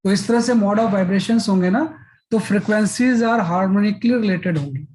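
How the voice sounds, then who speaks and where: Physics teacher explaining step by step. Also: male voice, high-pitched, slow pace, a little mellow, slight background noise, poor audio. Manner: explains step by step, repeats filler "है ना". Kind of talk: classroom lecture.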